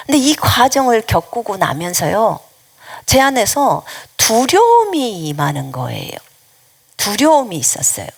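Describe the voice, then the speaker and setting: Earnest woman preacher with a gravelly edge. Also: fairly high pitch, sing-song, measured pace. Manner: earnest testimony, dropping at times to a hushed, near-whispered voice; emphatic, repetitive preaching cadence. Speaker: missionary preacher. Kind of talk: sermon.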